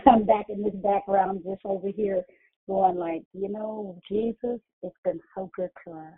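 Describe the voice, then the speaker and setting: A caller on a prayer line giving halting thanks, the voice muffled as if heard through a wall. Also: mid-range voice, fairly even intonation, breathy edge. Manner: halting, full of fillers. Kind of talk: casual testimony and thanks. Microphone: phone.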